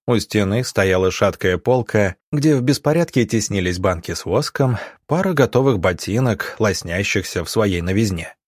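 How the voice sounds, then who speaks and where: A man giving steady, descriptive scripted narration of an audiobook. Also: on the low side, no room sound, studio quality.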